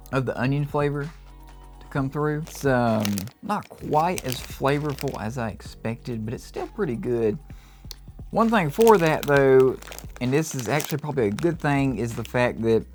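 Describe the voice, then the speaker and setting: A man giving an enthusiastic, casual review of low-carb snacks, reacting as he tastes them. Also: a little mellow. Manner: upbeat, enthusiastic tasting reactions. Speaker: food reviewer. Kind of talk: casual product review vlog.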